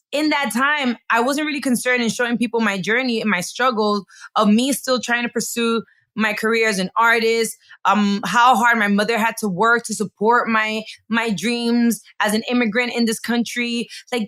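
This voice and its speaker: A woman's voice: on the high side, bright, forceful tone. A woman hosting a podcast in a bubbly, chatty way, slipping Spanish phrases into her talk. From raised in the United States. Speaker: podcast host. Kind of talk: casual podcast chat.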